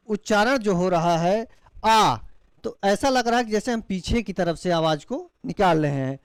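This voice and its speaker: Male teacher, smooth clear voice, dry sound; slow demonstrations of drawn-out vowels. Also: high voice, dry recording. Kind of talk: classroom lecture.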